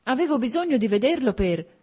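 A woman's voice: high voice, sing-song, a little fast, a little mellow, husky, voice pushed up, exaggerated voice. A woman doing an anguished, defiant young wife. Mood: frightened. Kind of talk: audiobook role voice.

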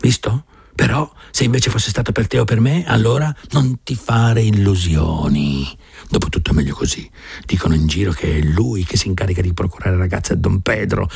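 A man's voice: deep voice, vocal fry, darkish tone, breathy edge, dry recording, full character voice. A man doing whispering, gossiping village women. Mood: wary gossip. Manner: quick, half-whispered gossip. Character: two gossiping young village women, wary.

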